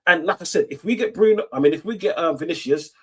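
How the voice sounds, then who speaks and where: A man's voice: on the high side, fast, fairly bright tone, breathy edge. A man, a regular pundit, ranting about football in a swaggering, profane, casual way. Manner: swaggering, profane, repeats tags like "you get me". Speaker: football pundit, Arsenal fan. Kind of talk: animated casual football rant.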